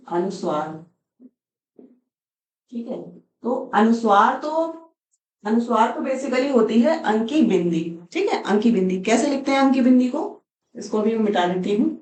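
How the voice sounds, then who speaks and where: A woman's voice: mid-range voice, a little mellow. Echoey, distant woman teaching Hindi. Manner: patient, explains step by step, often says "ठीक है". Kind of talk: blackboard lesson on pronunciation.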